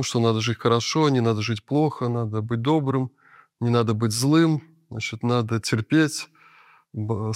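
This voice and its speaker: A man lecturing in a thoughtful, explanatory way, often pausing on fillers as he works through an idea. His voice sits at an ordinary middle pitch. The recording is dry and close, with no room sound. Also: dry recording. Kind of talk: unscripted lecture.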